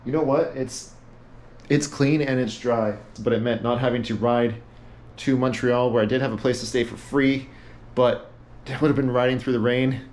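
A man's voice: medium pitch, steady tone, normal speed, a little mellow. A young man, narrating his motorcycle trip in a casual, joking, storytelling way. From Canada. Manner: chatty, storytelling, joking asides. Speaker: motorcycle travel vlogger. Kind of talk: casual travel vlog narration.

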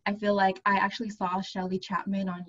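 A woman's voice: mid-range voice, level tone, fairly quick. A woman speaking as a panelist on a video call from home, passionate and conversational. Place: home room, indoors. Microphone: webcam on video call. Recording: dull lo-fi call audio.

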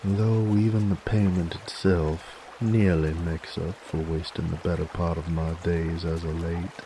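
In an ASMR audio roleplay, a man with a deep, gravelly voice delivers an in-character monologue as a cocky, dominant werewolf bounty hunter, using a cowboy drawl and a teasing, folksy manner. A steady trickling stream and outdoor nature ambience run behind him, adding background noise.

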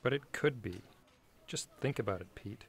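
A man's voice: medium pitch, lively intonation, normal speed, creaky, husky, dry recording. A man voicing an earnest, insistent 1960s office-worker puppet in a comedic parody.

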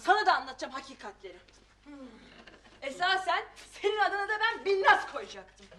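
Middle-aged mother, sharp-tongued, bright and forceful. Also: extremely high pitch, big pitch swings, brisk, full character voice. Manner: scolding, sharp-tongued, flares into shouting. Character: Safiye, fiery middle-aged mother and wife. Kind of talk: TV comedy-drama acting.

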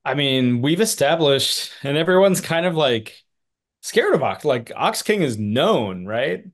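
Relaxed man musing casually. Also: on the high side, unhurried. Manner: relaxed, musing, trails off with hedges. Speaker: co-host of anime rewatch show. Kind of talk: casual reaction chat.

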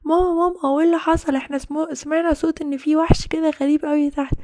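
A woman with an Egyptian accent voicing frightened young children in a toy story, high and pleading. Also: steady tone, very fast, background noise, close to an everyday voice. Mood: worried. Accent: Egyptian Arabic. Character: frightened little girl and her siblings. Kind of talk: toy story play-acting.

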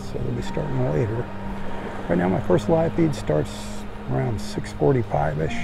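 A man hosting a calm, unhurried beach-walk vlog, outdoors at sunrise, filming with a phone as he walks. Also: medium pitch, creaky, low-quality recording. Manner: calm, unhurried, admiring running commentary. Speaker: host.

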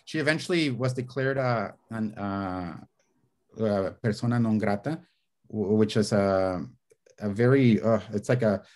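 Measured in pace, with a low-ish, slightly mellow voice, a native Spanish-speaking screenwriter rambles as a guest in a casual interview over video call. He gestures and relies on many fillers and restarts. The setting is a home study with bookshelves, captured by a webcam.

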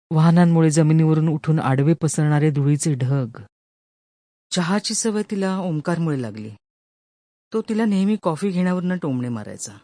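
A woman audiobook narrator reading a literary short story in a measured, storytelling manner, recorded close in a studio. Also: low-pitched, mellow, no echo. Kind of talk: scripted narration.

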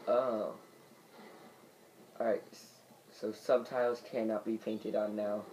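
A man's voice: on the low side, flat delivery, slow pace, a little mellow, slight background noise, rough recording. A man giving let's play commentary, muttering to himself while he plays. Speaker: gamer.

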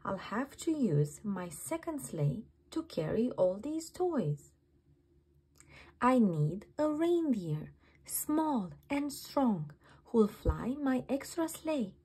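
A woman voicing a kindly, elderly Santa Claus in a storybook, with a soft, breathy voice. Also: fairly high pitch, full character voice. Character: jolly old Santa Claus, kindly, busy.

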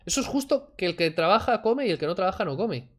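High-voiced and fast, this man offers casual commentary on a video clip, sarcastic, animated and mocking. The reaction streamer is at his desk in a room at home, with a desk mic and headphones.

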